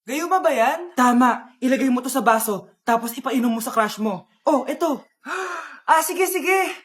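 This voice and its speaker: A woman acting out all the parts in comedic skits, switching between characters and often scolding or shouting. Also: sits high, animated, normal speed. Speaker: skit creator playing all parts.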